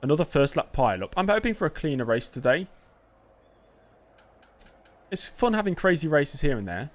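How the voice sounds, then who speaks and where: This young British man commentates on a racing game during a live stream, chatting casually, poking fun at himself, and answering his chat. His voice sits on the high side with big swings in pitch, and he talks at a normal speed.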